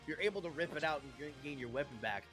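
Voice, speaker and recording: A man's voice: on the high side, fast, a bit bright. A man acting as game master, narrating action dramatically and giving casual rulings in a tabletop game. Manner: dramatic, vivid storytelling with casual swearing. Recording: music in the background.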